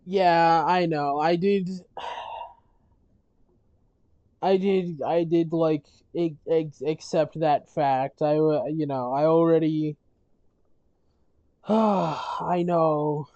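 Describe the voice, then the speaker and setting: A streamer chatting casually on a gaming stream, rambling with halting restarts and frequent laughs, their voice worn from talking all day. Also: mid-range voice, fairly even intonation, a little mellow, clear, resonant tone, dry recording, highs cut off. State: losing their voice.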